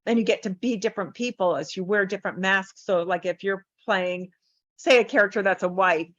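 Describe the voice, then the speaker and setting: A woman coach telling lively stories as a podcast guest, acting out the voices of the people in them. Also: medium pitch, a little fast, no room sound, lo-fi sound. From United States. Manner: animated, acts out voices in her stories. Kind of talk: podcast interview storytelling.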